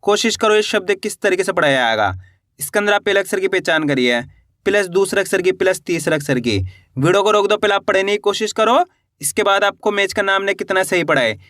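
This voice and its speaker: A man teaching beginners to read and spell, sounding words out slowly syllable by syllable and quizzing his viewers with encouragement. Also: sits high, expressive, a bit bright, no echo, studio quality. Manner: encouraging, addresses viewers as friends. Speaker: Hindi teacher.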